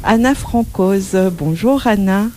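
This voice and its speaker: Slow-talking woman radio host. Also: mid-range voice, expressive, warm tone, a little hiss or hum. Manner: friendly, with small laughs. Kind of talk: radio interview. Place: radio studio.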